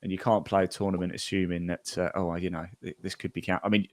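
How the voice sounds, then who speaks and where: A man hosts a golf podcast in a loose, chatty way. He rambles and restarts often as he reads through the results. His voice sits fairly low and sounds dry and close to the mic. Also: level tone, fast, a little mellow, no room sound. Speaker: podcast host. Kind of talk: casual podcast chat reading golf news.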